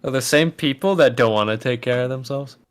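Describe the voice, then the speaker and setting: A man's voice: mid-range voice, a little fast, clean tone. A young man co-hosting a podcast, blunt in casual chat and swearing freely. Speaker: podcast co-host.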